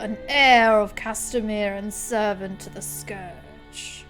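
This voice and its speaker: A woman's voice: mid-range voice, lightly acted. A woman voicing a haughty, commanding undead heir with formal, imperious delivery, reading out a game. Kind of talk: character voice in a game read-aloud.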